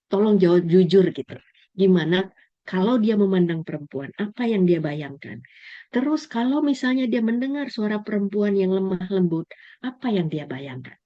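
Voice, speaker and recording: A middle-aged Indonesian woman, a lecturer, giving a personal talk to a women's study circle, telling lively stories full of fillers. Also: mid-range voice, dry recording, lo-fi sound. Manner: lively storytelling with frequent fillers and laughter.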